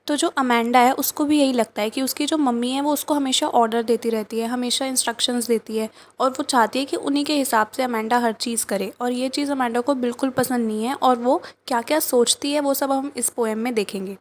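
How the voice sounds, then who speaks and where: Young Indian woman, high voice, teacher explaining a poem for students. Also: steady tone. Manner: reads poem lines slowly, then explains in plain Hindi. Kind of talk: poem explanation lesson in Hindi and English.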